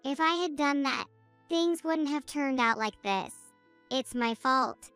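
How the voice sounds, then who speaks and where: Casting: woman doing a crying young girl, high, slow and smooth, guilt-ridden, for a storybook reading. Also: fairly bright tone, no echo, soft background music. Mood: tearful, regretful. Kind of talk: scripted narration.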